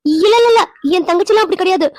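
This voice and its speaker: A woman voicing a quick-tempered young wife in a cartoon, scolding and demanding answers. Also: very high-pitched, a little mellow, no echo, studio quality. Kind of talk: cartoon voice acting.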